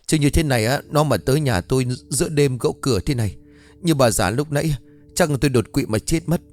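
A man doing a gruff, short-tempered tattooed brute. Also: medium pitch, darkish tone, faint music behind, voice pushed up, close to an everyday voice. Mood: shaken. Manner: gruff, scolding, rapid.

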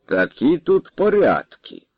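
A man's voice: medium pitch, moderate pace, no room sound, natural voice. A man voicing a sardonic, worldly male trader who talks wryly with sighs, in a dull recording. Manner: wry and sighing.

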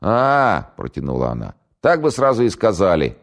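A man voicing a bossy female lieutenant who plays a cranky housewife, scolding and yelling in a high, loud voice. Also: wildly swooping pitch, a little fast, heavily acted. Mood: shrill yelling.

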